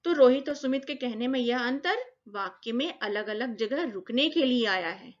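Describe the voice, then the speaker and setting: A woman teaches young children grammar, explaining each point clearly and step by step. Her voice sits fairly high, and the recording is muffled and lo-fi. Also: normal speed. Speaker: primary school teacher. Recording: dull lo-fi recording.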